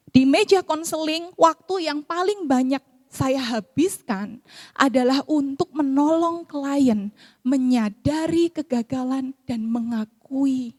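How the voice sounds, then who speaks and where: A woman, preaching and counseling in a lively sermon style. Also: sits high, dry recording, studio quality. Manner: lively, acts out quoted voices. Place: church.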